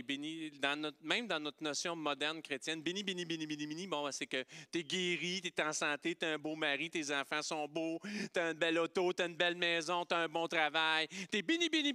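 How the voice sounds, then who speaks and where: Animated Québécois preacher with a bright voice. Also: male voice, on the high side, smooth, no room sound, studio quality. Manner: animated and playful, swinging from loud exclamations to hushed softness. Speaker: pastor. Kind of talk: sermon.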